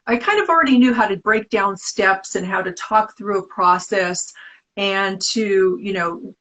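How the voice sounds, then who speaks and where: A woman's voice: medium pitch, measured pace, pushed and bright, rough recording. Woman, middle-aged, from the Bay Area, chatty, rambling, restarts, casual interview. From San Francisco Bay Area. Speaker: artist being interviewed. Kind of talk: casual interview over a live video stream.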